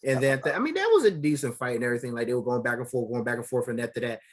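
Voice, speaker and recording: A man's voice: medium pitch, rapid-fire. Rambling man recapping anime. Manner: rambling, loose slang, many fillers, animated retellings. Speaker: podcast co-host. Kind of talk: casual anime review chat.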